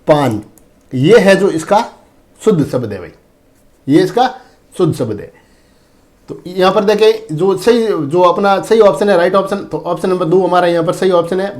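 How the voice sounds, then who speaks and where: A man teaching exam prep in a fairly high voice. He goes through each point slowly and repeats himself, calling the viewers friends and brother. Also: a little mellow. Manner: repetitive, addresses viewers as friends and brother, often says "dekhen". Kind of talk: exam-prep lesson on Hindi spelling.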